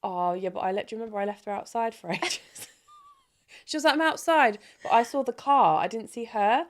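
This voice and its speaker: A woman's voice: medium pitch, fairly quick. A young woman, co-hosting a casual podcast chat and telling stories with frequent laughter. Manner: chatty storyteller, laughing often. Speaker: podcast co-host.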